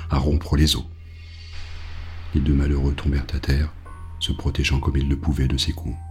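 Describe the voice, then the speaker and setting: Very deep-voiced, grave male narrator. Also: dark tone. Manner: grave, measured reading. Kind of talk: audiobook narration.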